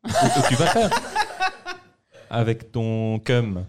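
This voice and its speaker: A man hosts a loose, joking conversation. His voice jumps around in pitch as he teases his guests. He breaks into laughter often. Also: lively intonation, slow pace. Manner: laughs often, playful teasing. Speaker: podcast host. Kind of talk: casual chat.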